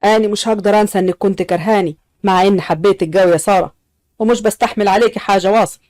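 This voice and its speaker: A woman's voice: mid-range voice, fairly even intonation, rapid-fire, a little mellow, dry recording, clean studio sound, close to an everyday voice. A woman voicing a devoted young husband, talking earnestly and with reproach in an audio story. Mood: hurt. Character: young adult man, devoted, pleading husband.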